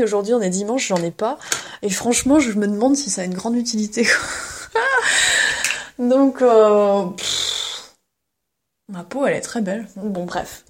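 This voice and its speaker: A woman hosting an unscripted podcast, talking casually with many fillers and small laughs while walking around her home. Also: mid-range voice. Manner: chatty, hesitant, many fillers and soft laughs. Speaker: podcast host.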